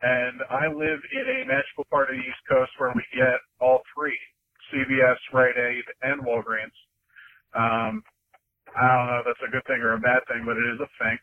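A man leaving a casual voicemail from his car, played back over a phone line, loose and halting with many filler pauses. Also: mid-range voice, flat delivery. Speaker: voicemail caller. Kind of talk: casual chat.

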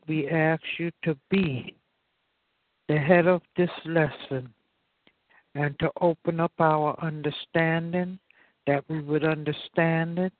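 A man prays slowly and earnestly to open the meeting, often returning to "Father God". His voice sits fairly high. He is heard over a tinny phone line. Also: no room sound. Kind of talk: opening prayer.

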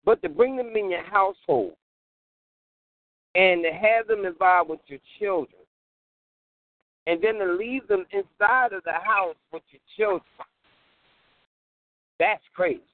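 A man co-hosting a talk radio show from a patchy phone line that fades in and out, talking in an animated way, chuckling and repeating himself for emphasis. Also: high-pitched, unhurried, long pauses, no room sound. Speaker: radio show co-host calling in. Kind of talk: casual talk radio chat. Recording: tinny dry phone line.

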